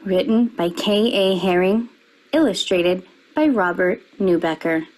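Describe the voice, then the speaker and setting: A woman reading a children's picture book aloud, with expressive storybook delivery that rises for quoted lines. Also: mid-range voice, unhurried, poor audio.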